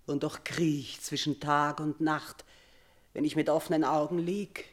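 An actress playing an aging queen and mother haunted by nightmares, in theatrical 1950s radio drama style, swinging from loud cries to hushed near-whispers. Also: low voice, fairly even intonation, unhurried.

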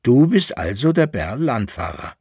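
A man voicing an eager, talking poodle dog in a storybook reading, with a husky, lively voice. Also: medium pitch, no echo, clean studio sound, full character voice. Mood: excited. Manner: eager, quick to protest.

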